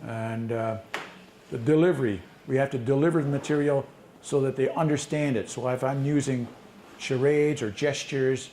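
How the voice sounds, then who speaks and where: A man at a conference breakout session answers questions in a plain, matter-of-fact way. His voice is mid-pitched and sits in an echoey room with a faint hiss behind it. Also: fairly even intonation, moderate pace, mellow. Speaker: language teacher presenting a session. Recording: echoey room, mic from a distance, faint noise.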